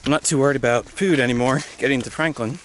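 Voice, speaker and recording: A young man casually vlogging while hiking a mountain trail, talking in a halting, easygoing way with many fillers, sometimes out of breath. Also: mid-range voice. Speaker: thru-hiker vlogger. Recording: outdoor clip with clear background noise.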